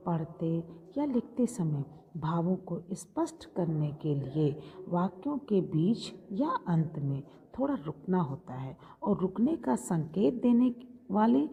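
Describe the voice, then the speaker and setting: A woman teaching a school grammar lesson, explaining patiently and often addressing her pupils. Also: on the low side. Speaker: Hindi teacher. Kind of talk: recorded classroom grammar lesson. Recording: lo-fi with long hall reverb.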